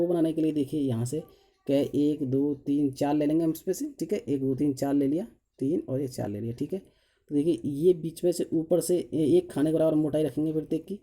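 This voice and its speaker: Very dark-voiced man teaching drawing. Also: a little high. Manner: asks himself questions and answers them; says 'okay' after nearly every step. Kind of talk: step-by-step tutorial while drawing.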